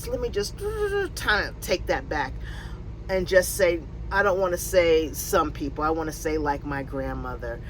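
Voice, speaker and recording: In or near her RV, a fifty-something woman from Connecticut chats through a casual Q&A on her van-life vlog, wandering off with frequent fillers and restarts. She has a low-pitched voice. The audio is poor, with slight background noise.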